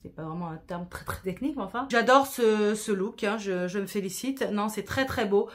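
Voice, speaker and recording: A woman talks her way through a makeup tutorial at a casual, chatty pace. She is often self-deprecating and slips English words into her speech. Her voice sits at an everyday middle pitch. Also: fairly quick. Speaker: beauty vlogger.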